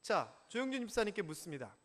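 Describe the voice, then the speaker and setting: In a church sanctuary, a male pastor preaches a sermon with a high-sitting voice, talking fast. He's animated, putting questions to the congregation and acting out stories.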